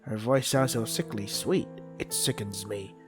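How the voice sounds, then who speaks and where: A man's voice: lowish voice, unhurried. A man reading visual novel text aloud for a playthrough, acting out lines and dropping in casual joking asides. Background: game music.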